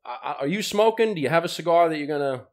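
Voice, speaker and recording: A man from Long Island, co-hosting a casual interview from a pool house, friendly and quick to laugh. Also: on the high side, lively intonation. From Long Island, New York. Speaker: co-host.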